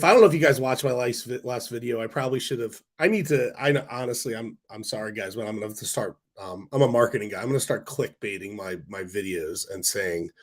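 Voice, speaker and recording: A man with a medium-pitched, slightly mellow voice runs a casual livestream about stocks. A cold has left him hoarse, and he rambles, using fillers and restarting sentences as he answers viewers.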